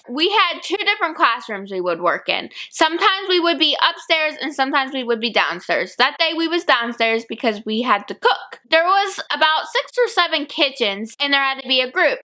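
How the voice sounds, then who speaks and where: A young woman recounts a school story for her vlog. Her voice sits high and sounds bright and forward. She slips into quoted lines as she tells it. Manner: animated retelling with acted-out quotes. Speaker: vlogger.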